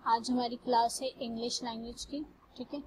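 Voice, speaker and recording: A woman teaching English grammar, reading example sentences slowly and carefully before translating them. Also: fairly high pitch, little pitch movement, darkish tone, slight background noise, poor audio. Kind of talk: classroom lecture.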